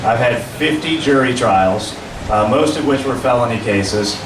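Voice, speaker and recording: Man, forties, candidate forum speech, earnest, echoey room, noisy background. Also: mid-range voice. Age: 40s. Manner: measured, earnest, with frequent fillers when answering. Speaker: judicial candidate. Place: meeting room at a public forum. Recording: roomy, distant, noisy room recording.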